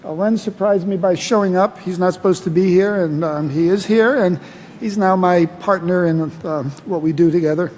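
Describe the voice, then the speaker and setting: An older American man giving a prepared acceptance speech at a ceremony, measured and dry-humored, at a podium microphone. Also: sits high, darkish tone. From United States. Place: large ceremony hall. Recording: long hall reverb, faint noise.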